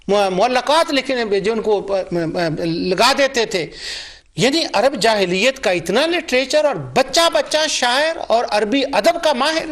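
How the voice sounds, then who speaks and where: With an extremely high-pitched, slightly bright voice, a middle-aged Islamic scholar who also recites the Quran lectures on religion. He relies on anecdotes, performing recalled dialogue and repeating himself for emphasis.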